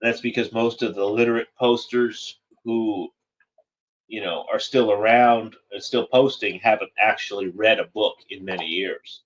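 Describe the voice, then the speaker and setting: Casting note: man with a lowish voice, rambling commentator, dull lo-fi recording. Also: fairly even intonation, a little slow. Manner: rambling, repeats phrases, frequent "you know". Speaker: political commentator. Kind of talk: casual spoken monologue.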